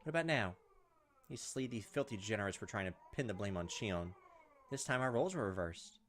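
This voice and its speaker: With game music in the background and a little hiss or hum, a man with a fairly low voice reads a visual novel aloud for a gameplay video. His delivery is animated, a little fast, theatrical and punchy, peppered with jokey asides.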